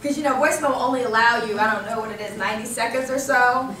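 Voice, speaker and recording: An American woman working as a corporate trainer presents a workshop quickly, her high voice animated and emphatic as she throws out questions and answers them herself. The indoor training room sounds roomy through a distant mic, and faint background noise is audible.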